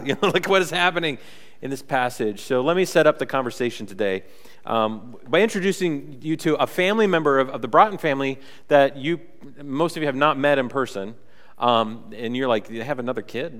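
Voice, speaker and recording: Joking pastor in a reverberant church hall. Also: male voice, medium pitch. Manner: casual, joking, animated storytelling with many fillers. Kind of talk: sermon.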